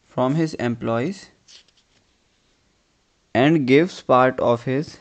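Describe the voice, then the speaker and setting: Reading an English dictation to his class, a man with a medium-pitched voice takes it slowly, one phrase at a time, saying phrases twice.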